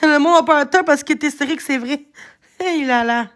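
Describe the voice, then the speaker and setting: A Québécois woman with a very high voice rants to her live-stream viewers. She sounds agitated, rambles from one complaint to the next and swears often. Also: normal speed, a bit bright. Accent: Québécois French. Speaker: livestreamer. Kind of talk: casual live-stream rant.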